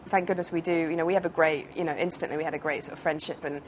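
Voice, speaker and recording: British actress chatting, low voice. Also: female voice, steady tone, very fast, slight background noise. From United Kingdom. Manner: chatty, rambling with many fillers and restarts. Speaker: actress being interviewed. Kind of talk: casual interview chat.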